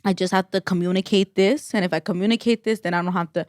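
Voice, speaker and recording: A woman's voice: medium pitch, steady tone, quick pace, dry recording, studio quality. A woman co-hosting a podcast in casual chat, rambling with lots of "like" fillers and restarts. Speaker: podcast co-host.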